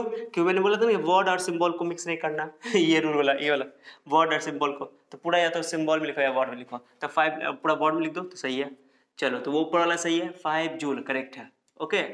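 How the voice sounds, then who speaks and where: A man with a somewhat high voice teaches a science class. He repeats each rule several times and asks the students questions, then answers them himself. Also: a bit bright.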